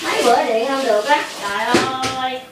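A woman's voice: sits high, fairly quick, recorded from a distance, background noise. A woman, chatting casually with her father, talkative with many fillers. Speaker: daughter. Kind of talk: casual family chat. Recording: echoey room, loud chatter behind.

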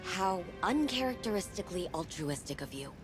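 A sassy, defiant scientist with a low, very lively voice. She is wry and sarcastic in a game cutscene, with music behind her. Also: moderate pace. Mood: wry, resolute. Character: sassy, defiant younger woman scientist, sardonic granddaughter. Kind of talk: scripted video game acting.

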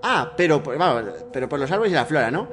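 A man with a Spain Spanish accent doing excitable horror game let's play commentary at a desk mic, swearing and shrieking when startled. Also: fairly high pitch, fast. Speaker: gaming YouTuber. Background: game music and keyboard typing.

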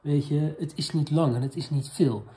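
A man's voice: on the high side, normal speed, mellow. A man hosting a comedic question-and-answer talk, casual and rambling with many fillers, in a mock-spiritual tone. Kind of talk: casual deadpan parody monologue.

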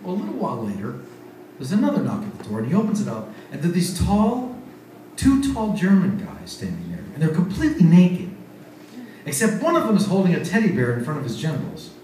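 Animated man telling a joke on stage. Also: on the high side, a little fast, slight background noise. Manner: animated, conversational, acts out each voice. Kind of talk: live stand-up storytelling. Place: bar stage with audience. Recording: echoey bar from a distance, faint crowd. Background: faint bar ambience.

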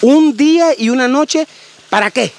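A man, presenting a children's show outdoors in an animated, enthusiastic way and interviewing. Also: very high-pitched, a little slow, slight background noise. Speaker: host of a children's educational show. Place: outdoors on a rural hacienda.

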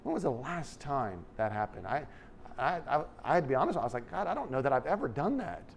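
A middle-aged man preaching a sermon in a church hall, animated and gesturing, swinging from loud emphasis to quiet asides. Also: medium pitch, quick pace, creaky, a little hiss or hum. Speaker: pastor.

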